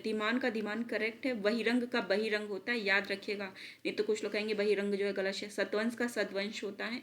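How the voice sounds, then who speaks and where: A woman teacher giving an online spelling lesson for exam students, repeating words slowly and mixing in English terms. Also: mid-range voice, vocal fry, a bit bright. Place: at a laptop.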